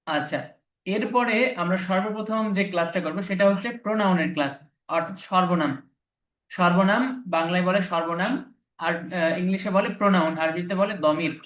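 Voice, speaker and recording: A man's voice: on the high side, fairly bright tone. A man teaching an English lesson, patiently repeating each letter several times to drill its pronunciation. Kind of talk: recorded classroom lesson. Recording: echoey room.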